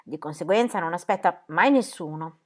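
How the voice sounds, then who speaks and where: Woman putting on a loud, fussy pastor husband. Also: on the low side, expressive, moderate pace. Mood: matter-of-fact. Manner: loud, exclaiming calls.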